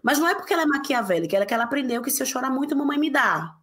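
A woman guest in a casual podcast conversation, telling stories quickly and acting out quotes. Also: high-pitched. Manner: animated, quick storytelling with acted quotes.

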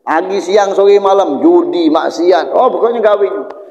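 A man's voice: high voice, unhurried. A man with a Palembang Malay accent preaching a weekly sermon in a prayer room, telling stories and acting out the voices in them. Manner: animated storytelling, acts out voices of angels and sinners. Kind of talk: storytelling sermon. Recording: echoey hall, muffled audio.

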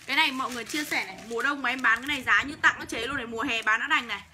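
Racing along in a pushed, bright voice on the high side, a young online clothes seller pitches her stock during a livestream. She's blunt and swears a lot, with slight background noise behind her.

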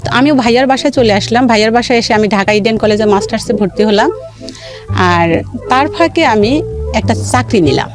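A woman from rural Bangladesh, speaking with a Bangladeshi accent, relates her life story in a radio interview with music in the background. Slightly high and a bit fast, her voice repeats phrases emphatically to add stress.

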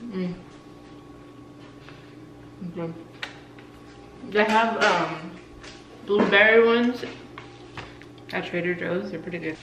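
Casual woman vlogger, excitable and chatty, says dude a lot, roomy echo and a little hum behind. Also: medium pitch, slow pace, long pauses. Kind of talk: casual vlog chat. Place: car, then at home indoors. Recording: roomy with faint background ambience.

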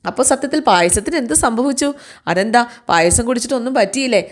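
A woman's voice: fairly high pitch, animated, fast talker. A woman casually retelling a serial's plot, chatty and acting out the characters' lines. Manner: chatty, acts out quotes with tag words. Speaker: serial recap narrator. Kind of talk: casual storytelling recap.

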